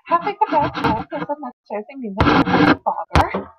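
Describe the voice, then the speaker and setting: A woman's voice: high voice, sing-song, a little fast, heavy background noise. A woman playing a tabletop role-playing game, bantering casually over a dull, lo-fi voice chat.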